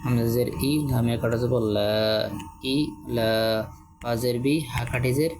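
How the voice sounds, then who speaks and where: A man teaching Quran reading, slowly drawing out letter sounds and quizzing his listeners with short questions. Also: mid-range voice, little pitch movement. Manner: slow, drawn-out drilling of letter sounds. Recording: noisy background.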